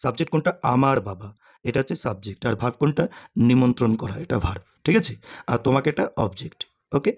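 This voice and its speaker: A man's voice: medium pitch, expressive, quick pace, slightly rough. A man teaching English grammar to students, asking questions and answering them himself, with frequent "okay?" check-ins.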